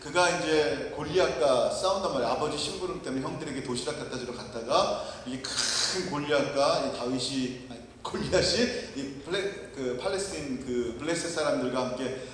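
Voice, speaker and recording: A man's voice: medium pitch, moderate pace, hardly any pauses, fairly bright tone, a little hiss or hum. A male missionary preaching a sermon, telling stories and asking the congregation questions. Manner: storytelling, asks the congregation questions. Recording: very echoey long-reverb hall, mic far off.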